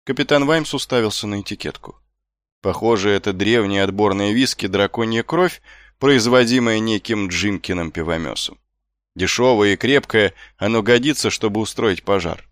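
A man narrating an audiobook in an expressive storytelling manner. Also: lowish voice, normal speed, no echo. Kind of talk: scripted narration. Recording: dry close audiobook with faint music.

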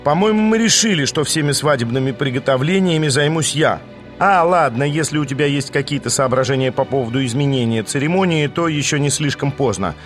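A man voicing a shrill, blunt and impatient young queen in an audiobook, with a raised, demanding tone. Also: animated, brisk, soft background music, lightly acted. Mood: indignant. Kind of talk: audiobook character voice.

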